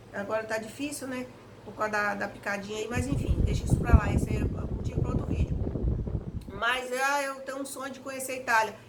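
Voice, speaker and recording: A woman giving an earnest devotional talk at home, exhorting listeners directly, with an electric fan blowing right in her face as she speaks. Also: on the high side. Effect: electric fan blowing right in her face while she talks. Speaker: evangelical lay preacher. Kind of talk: home devotional reflection video. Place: hot room at home. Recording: home recording with loud fan noise. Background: steady whir of a fan.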